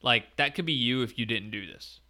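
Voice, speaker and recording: A man's voice: medium pitch, fairly quick, sharp tone. A man hosting a casual sports chat about a fantasy league, talking informally. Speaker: host and league commissioner.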